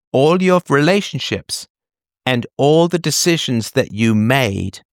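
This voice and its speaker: Taking the role of a call-in advice host, a man explains things emphatically with analogies in a conversational way, frequently making sure the listener is keeping up. The mid-range voice is captured in studio quality without room sound.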